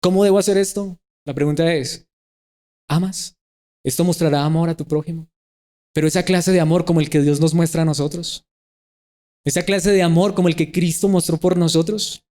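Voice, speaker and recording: A man's voice: fairly high pitch, fairly even intonation, normal speed, pauses often, dark tone. Man preaching with many rhetorical questions. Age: middle-aged. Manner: acts out quoted voices. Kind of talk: sermon. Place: church.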